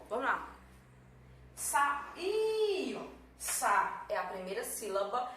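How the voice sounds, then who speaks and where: A woman's voice: mid-range voice, a bit bright. A woman teacher, explaining a grammar lesson patiently and often checking in with her class. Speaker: Portuguese teacher. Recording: echoey room, mic at a distance, faint background noise.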